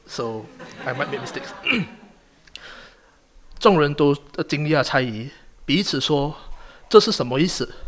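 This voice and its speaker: A man reading scripture aloud at a church service, careful and a little hesitant. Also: a little high.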